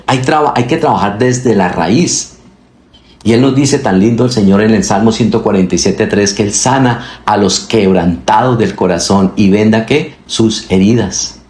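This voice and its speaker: A man's voice: on the low side, a little mellow, reverberant. A male pastor preaching a sermon, reading scripture aloud and asking the congregation questions, with his delivery rising and falling for emphasis.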